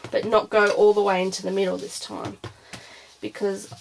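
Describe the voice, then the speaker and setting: Woman, informal tutorial narration, thinking aloud, gravelly creak, clear background noise. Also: medium pitch, little pitch movement, moderate pace, rough recording. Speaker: craft tutorial presenter.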